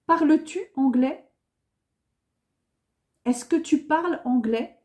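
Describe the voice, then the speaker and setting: Like a patient teacher, a woman with a soft, mellow, high-pitched voice leads beginners through French, repeating every phrase twice. She takes her time and articulates each word with care and clarity.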